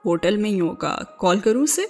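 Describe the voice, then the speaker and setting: A woman voicing a soft-hearted middle-aged aunt in a storybook reading, gentle and rueful. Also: mid-range voice, expressive, faint music behind.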